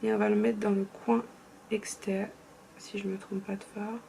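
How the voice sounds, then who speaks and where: A woman's voice: medium pitch, little pitch movement, normal speed, vocal fry, background noise. A young woman from France chatting casually through a makeup tutorial, often trailing off into murmurs. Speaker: beauty vlogger.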